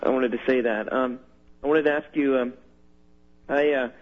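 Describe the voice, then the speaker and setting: A man from California calling in to a radio show over a phone line, halting and hesitant as he restarts his sentences. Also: mid-range voice, fairly even intonation. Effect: heard over a phone line. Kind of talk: call-in chat with a host.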